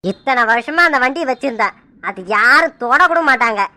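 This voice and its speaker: A woman's voice: high-pitched, lively intonation, normal speed, bright, forceful tone, slight background noise. A woman voicing a grumbling, scolding middle-aged village father.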